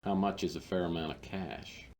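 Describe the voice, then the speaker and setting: A man's voice: deep voice, normal speed, darkish tone, in a large hall. An actor playing a wisecracking hard-boiled male detective, narrating in a dry, sardonic noir style. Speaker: game narrator and lead character. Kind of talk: 1990s game voice acting.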